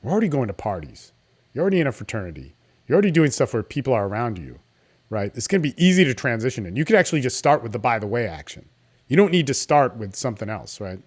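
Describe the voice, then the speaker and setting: A man's voice: mid-range voice, very animated, fast, breathy edge. A man giving informal coaching advice in a confident, salesy, casual way, often checking in with "right?". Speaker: dating coach.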